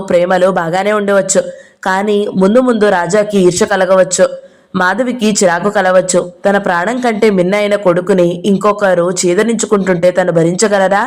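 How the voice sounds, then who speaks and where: A woman narrating a novel aloud for an audio book channel, with steady, even storytelling. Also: mid-range voice.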